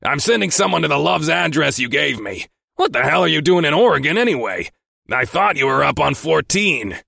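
A man voicing a gruff, grating-voiced trucking boss who barks and snaps orders. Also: mid-range voice, steady tone, a little fast, fairly bright tone, no room sound, studio quality, voice pushed up, close to an everyday voice. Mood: barking. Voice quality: grating, gravelly. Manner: barking, snappish.

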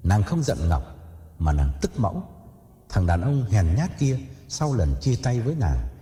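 A man narrating an audio story in a dramatic, expressive way. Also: fairly low pitch, unhurried. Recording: echoey reverb with faint music.

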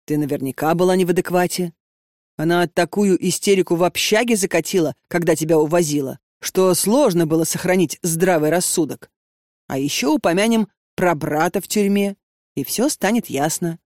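A man's voice: high voice, normal speed, a little mellow, no echo, studio quality, lightly acted. A woman reading an audiobook and voicing a controlling, hot-tempered young man who speaks insistently. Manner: insistent, domineering.

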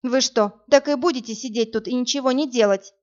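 An agitated young woman, as a female narrator voices her, pressing her point insistently. Her pitch is fairly high, and the recording is dull and lo-fi. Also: a little fast, darkish tone, close to an everyday voice. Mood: indignant. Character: indignant young woman office worker.

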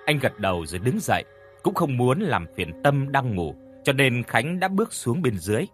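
A man narrating a scripted horror story in a dramatic, expressive way. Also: medium pitch, normal speed. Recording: faint background music.

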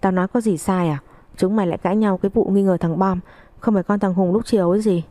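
A woman reading the part of a sharp-tongued old mother-in-law who scolds crudely, in a storybook narration. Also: medium pitch, steady tone, fast, no room sound, lightly acted. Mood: scolding.

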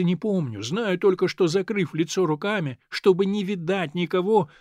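A man reading a first-person literary novel aloud with expressive delivery. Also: high-pitched, no room sound, studio quality. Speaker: audiobook narrator.

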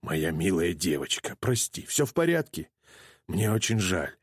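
A man voicing a middle-aged father, protective and grieving, who speaks low and gruffly. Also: sing-song, unhurried, no room sound, studio quality, exaggerated voice. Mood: tender.

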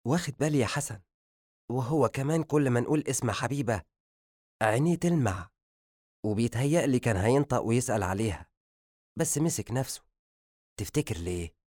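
A man voicing a calm, observant young man with an Egyptian accent, who speaks in a measured way. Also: mid-range voice, dry recording, clean studio sound, natural voice.

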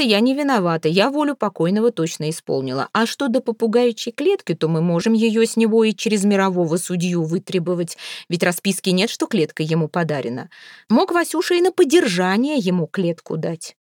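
A woman's voice: expressive, fairly quick, a little mellow, dry recording, close to an everyday voice. A woman voicing a fussy middle-aged widow handing out an inheritance in a placating tone, dry close sound. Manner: placating, then shrill.

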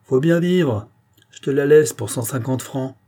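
A man voicing a boisterous old former clown who runs a gym, hearty and loud. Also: medium pitch, a little slow, pitched above the performer's own voice, lightly acted. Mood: sly.

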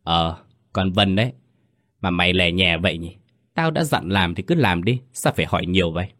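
A man's voice: deep voice, normal speed, fairly bright tone. A man voicing a callous, harsh village mother in a ghost story reading, snapping and scolding.

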